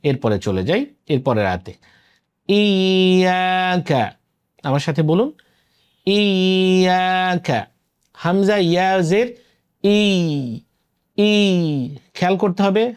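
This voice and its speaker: A man teaching Quran pronunciation, slowly reciting verses and repeating each sound for the listener to copy between quick explanations. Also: on the high side, darkish tone. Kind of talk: tajweed pronunciation lesson.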